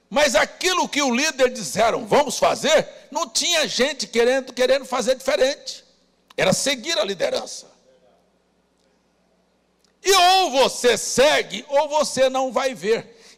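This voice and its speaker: A man preaching a sermon as pastor, rousing the congregation with shouted calls. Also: very high voice, vocal fry. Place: church hall. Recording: long church reverb.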